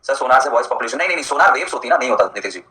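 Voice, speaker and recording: A man's voice: medium pitch, animated, rapid-fire, pushed and bright, echoey room, rough recording. A male teacher giving a live online lecture in a chatty, jokey way, answering students by name as he explains.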